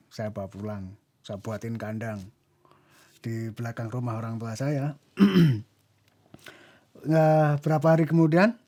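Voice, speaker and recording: Brief: male interview guest, mellow and reflective, acts out quotes within his story. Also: mid-range voice. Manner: reflective, mixing in English phrases, acting out dialogue. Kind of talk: recounting a personal story in conversation.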